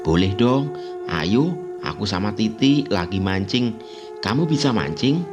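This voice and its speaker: A man voicing a curious, bossy young girl who asks lively questions and scolds her friend, over background music. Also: on the low side, measured pace. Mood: questioning. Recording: music playing underneath.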